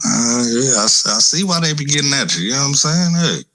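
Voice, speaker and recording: A man's voice: mid-range voice, lively intonation, fairly quick, a crowd in the background. A man chatting casually as a co-host, laid-back and slangy, with "you know what I'm saying" in almost every turn. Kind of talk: casual chat.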